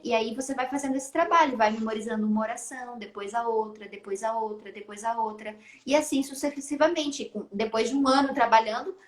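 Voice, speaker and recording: A middle-aged woman, a guest teacher patiently explaining and repeating her advice in casual talk. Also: fairly high pitch. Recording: roomy echoey sound.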